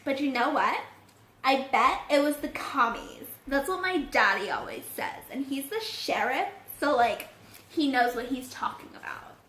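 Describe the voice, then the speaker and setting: A self-important small-town cheer captain gushes through sniffles with melodramatic sorrow, as a woman acts her out. Her voice is high and her speech is slow. The sound carries a roomy echo. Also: lively intonation, bright, forceful tone, heavily acted. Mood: tearful. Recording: echoey room.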